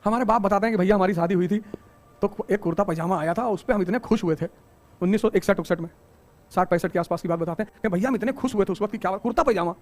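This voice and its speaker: A middle-aged man teaching a coaching class, giving an animated motivational talk full of rhetorical questions and joking asides. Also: high-pitched, quick pace.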